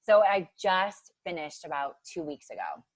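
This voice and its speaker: A woman in her thirties from Ohio, USA, chats casually as a podcast guest about nutrition coaching, her speech packed with "like" and acted-out quotes. Her voice is fairly low with big pitch swings, at a moderate pace with no echo.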